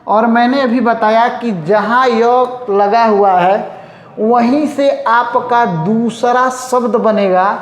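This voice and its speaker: A man teaches grammar in a classroom with a slow, deliberate pace. He keeps asking rhetorical questions and then supplies the answers himself. His voice echoes around the room. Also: high-pitched, muffled recording. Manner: repeats rhetorical questions to students. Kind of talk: whiteboard lesson.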